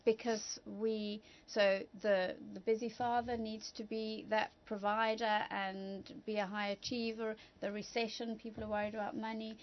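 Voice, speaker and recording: A woman's voice: mid-range voice, little pitch movement, normal speed, few pauses, dull audio, slight background noise. Emphatic woman giving advice. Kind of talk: talk show advice.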